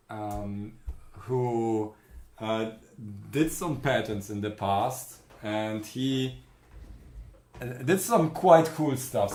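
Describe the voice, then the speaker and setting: A man with a Central European accent hosting a casual live stream, greeting chat viewers by name and talking haltingly with fillers. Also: medium pitch, a little mellow, echoey room. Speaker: livestream host.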